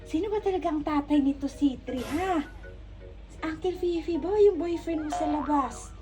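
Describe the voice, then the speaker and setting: A woman's voice: high-pitched, moderate pace, over music. A woman vlogging with her cats, cooing baby talk at the kittens and chatting casually with them. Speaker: pet vlogger.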